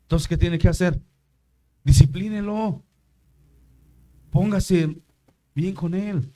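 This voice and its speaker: A man's voice: high-pitched, fairly even intonation, unhurried, warm tone. An older man preaching a sermon in church, asking the congregation questions as he goes. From Mexico. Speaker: pastor.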